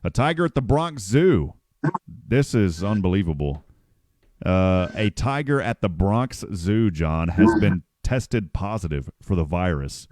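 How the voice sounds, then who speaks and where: Low-voiced chatty radio host. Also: male voice, lively intonation, a little slow, darkish tone, no echo, studio quality. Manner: rambling, self-correcting, chatty. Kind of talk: casual morning radio chat.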